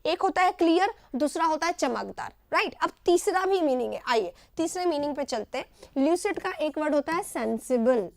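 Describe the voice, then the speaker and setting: Indian woman teacher doing a live vocab class, high voice, dry close mic, keeps saying right? after every word. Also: dry recording. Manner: explains words in repeated short phrases, asks "right?".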